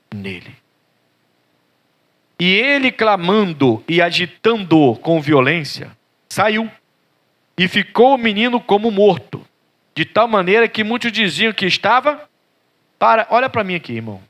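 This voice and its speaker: Bright, high-voiced Brazilian preacher man. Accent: Brazilian Portuguese. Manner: dramatic, acts out biblical voices, rising to pleading cries. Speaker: pastor. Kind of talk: sermon.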